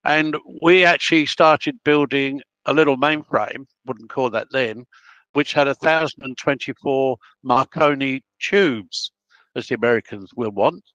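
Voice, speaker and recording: An Australian man in his eighties, a project planner guesting in a casual interview, tells rambling anecdotes at an unhurried pace, often breaking off mid-sentence to start over. His voice sits at an ordinary pitch and is a bit bright, captured in a dry, slightly muffled recording with no echo.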